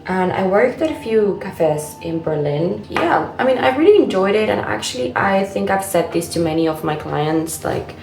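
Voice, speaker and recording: A woman's voice: medium pitch, lively intonation, moderate pace, gravelly, few pauses, over music, rough recording. A woman in her twenties from Argentina, a native Spanish speaker with an Argentine accent, chatting casually in a personal vlog. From Buenos Aires, Argentina. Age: 20s. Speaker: vlogger.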